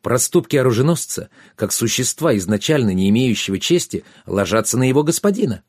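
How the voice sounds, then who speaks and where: A man's voice: medium pitch, big pitch swings, brisk, breathy edge, no room sound, studio quality. A man voicing a proud, stern young nobleman who lectures in a haughty way.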